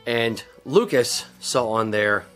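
A man's voice: mid-range voice, takes it slowly, a bit bright, faint music behind. Man rambling through a casual story. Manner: rambling storyteller with frequent ums and teasing asides. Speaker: podcast co-host. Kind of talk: casual chat.

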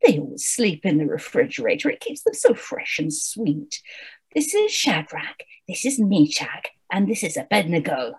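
A woman's voice: fairly low pitch, big pitch swings, moderate pace, darkish tone, breathy edge, heavily acted. A woman reading aloud as a twinkly, sugary wicked witch who gushes over her pets. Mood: doting. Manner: gushing, fond of her ugly pets. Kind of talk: read-aloud from a storybook.

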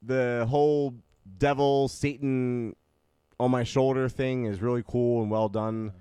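A man's voice: mid-range voice, level tone, measured pace, mellow, clear, resonant tone, no room sound. A man in casual podcast chat about movies, easygoing and hesitant, with frequent ums.

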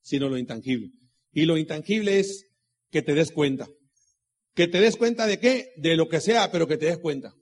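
A middle-aged man with a husky, fairly high voice speaks to a live audience. He preaches with rhetorical questions and repeats his key lines. Personal anecdotes run through his talk. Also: animated, normal speed. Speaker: motivational speaker at a business meeting.

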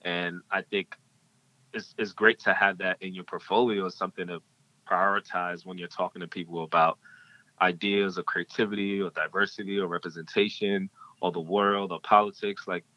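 A man's voice: sits low, little pitch movement, moderate pace, pushed and bright, lo-fi sound. A man being interviewed as a podcast guest, talking reflectively with frequent fillers and restarts. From Ghanaian-American. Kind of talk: casual interview talk.

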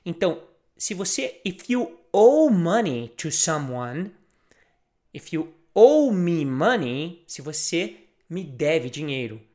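A man teaching a video lesson, repeating example phrases slowly and deliberately. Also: a little high. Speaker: language teacher.

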